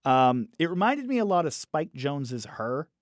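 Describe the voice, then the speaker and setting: A man's voice: on the high side, a little slow, no room sound, clean studio sound. A man reviewing films in a casual podcast chat, talking animatedly and restarting phrases as he thinks aloud. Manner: animated, acts out quoted characters in raised voices. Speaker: film reviewer.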